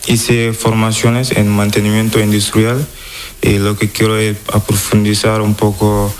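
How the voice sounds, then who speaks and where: Hesitant man from Senegal, slow. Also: lowish voice, completely flat delivery, slight background noise. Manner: hesitant, halting non-native Spanish. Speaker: interviewee. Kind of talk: street interview.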